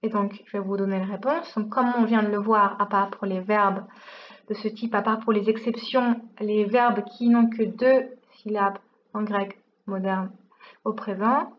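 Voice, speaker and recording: A woman's voice: mid-range voice, steady tone, measured pace, lo-fi sound, a little hiss or hum. Chatty woman teaching a language lesson. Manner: chatty, explains step by step, rhetorical questions. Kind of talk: casual video lesson.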